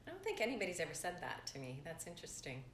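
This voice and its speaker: A woman co-hosting a podcast in casual chat, speaking softly and giggling often. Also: fairly low pitch, huge pitch swings. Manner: slow, giggly, soft-spoken. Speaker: podcast co-host. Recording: echoey room, faint noise.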